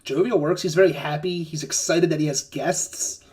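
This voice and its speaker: A woman's voice: low-pitched, normal speed, mellow. A woman running a tabletop game as game master, narrating casually, swearing and laughing often.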